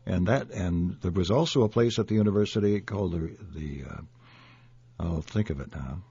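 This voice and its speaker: An older man from Minnesota, reminiscing haltingly in an interview and searching for words. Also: low voice, warm tone, slightly rough, dry recording. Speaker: interview guest. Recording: dull, dry lo-fi recording.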